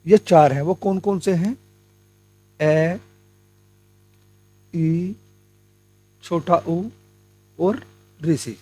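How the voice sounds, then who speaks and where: A young man with a fairly high voice runs an exam-prep grammar lesson, talking to his viewers as friends. He goes step by step, asks his own questions and answers them. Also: very slow, long pauses, dark tone, no echo. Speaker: Hindi grammar teacher.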